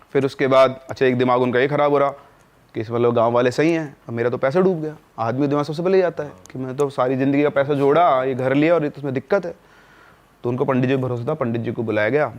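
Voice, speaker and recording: Man telling a horror story conversationally. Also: medium pitch. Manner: conversational, drops voice at tense moments. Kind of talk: casual spoken horror storytelling.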